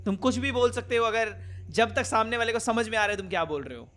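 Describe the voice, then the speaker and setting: A man commentating on a game in rapid, teasing, joking chatter, laughing often. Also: sits high, fairly bright tone. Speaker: gameplay commentator.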